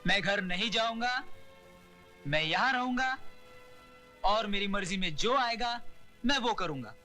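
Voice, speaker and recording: A husband who bluntly defies his wife, his voice pitched very high and bright. Faint music plays beneath him. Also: lively intonation, measured pace, heavily acted. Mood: defiant. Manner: defiant, dismissive. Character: stubborn defiant husband. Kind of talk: Hindi film drama.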